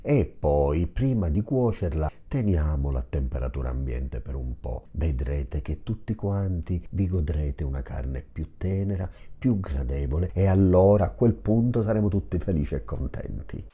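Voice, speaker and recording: A man's voice: a bass voice, lively intonation, normal speed, hardly any pauses, warm tone, husky. A man with a Sicilian accent giving casual cooking tips in a colloquial, playfully dramatic manner.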